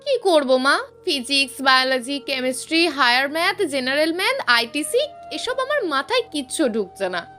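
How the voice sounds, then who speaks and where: A woman's voice: sits high, big pitch swings, moderate pace, soft background music, exaggerated voice. A woman voicing a hot-tempered, quarrelsome young college girl. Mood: whiny. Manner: sharp and quarrelsome.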